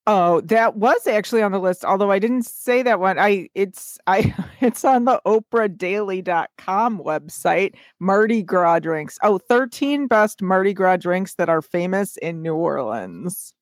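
A woman co-hosting a podcast in casual chat, chatty and quick to giggle. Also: mid-range voice, lively intonation, dry recording, clean studio sound. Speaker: podcast co-host.

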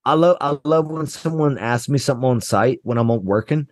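A drunk man with a Cajun Louisiana accent, hosting a casual podcast chat and telling loud, profane stories. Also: mid-range voice, a little fast, dry recording, clean studio sound. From Louisiana, USA. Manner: loud, profane, laughing storyteller. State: drunk on whiskey. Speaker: podcast host.

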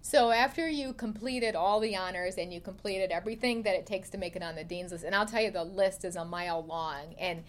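A middle-aged woman hosting a podcast interview, her voice a little low. She sounds encouraging and enthusiastic, drawing her guest out. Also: a little fast, few pauses. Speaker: podcast host. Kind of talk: casual interview.

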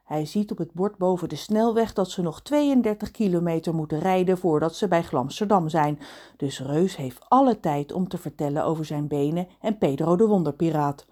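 A woman reading a children's story aloud, lively and expressive. Her voice sits in a middle register, and she shapes each sentence for young listeners. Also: lowish voice, moderate pace. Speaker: narrator. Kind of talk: audiobook storytelling.

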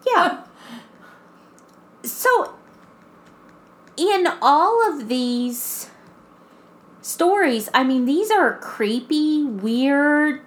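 Slow-talking, high-voiced woman podcaster. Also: animated. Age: adult mother. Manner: unhurried, drawn-out phrasing with trailing restarts. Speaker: podcast co-host. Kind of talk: casual storytelling chat.

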